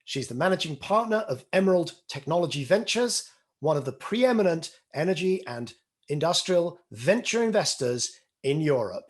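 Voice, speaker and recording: A male podcast host speaks in a slightly higher-than-usual voice, steering the conversation and closing the show. His talk is loose and conversational, dotted with ums and uhs as he gathers his thoughts. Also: big pitch swings, normal speed. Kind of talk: interview and show outro.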